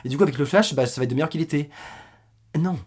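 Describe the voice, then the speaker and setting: Fast-talking man reacting with self-mockery. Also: on the high side, husky. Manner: rapid, animated, self-mocking, swears often. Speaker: YouTuber reacting to his old video. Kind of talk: casual reaction commentary.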